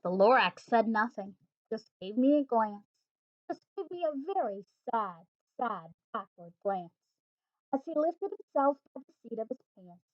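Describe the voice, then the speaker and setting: A woman at home reading a rhyming picture book aloud, with an animated, rhythmic delivery. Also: on the high side, measured pace, dry recording. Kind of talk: expressive read-aloud of a rhyming storybook. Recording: dull, dry home recording.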